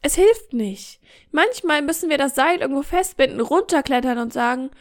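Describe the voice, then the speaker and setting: A woman's voice: sits high, lively intonation, normal speed. A woman hosting a podcast monologue, speaking straight to the listener in an encouraging, vivid way and acting out little scenes. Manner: warm, encouraging, direct address. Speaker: podcast host, coach.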